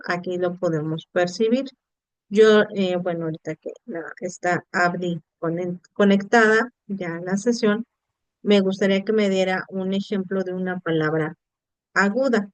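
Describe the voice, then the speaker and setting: A woman gives an online lesson, her voice smooth and resonant. She explains patiently and keeps checking with her students, in a dry close sound with no room echo. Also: medium pitch. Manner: explanatory, addresses students directly with rhetorical checks. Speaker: teacher. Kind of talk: online class lecture. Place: online video session.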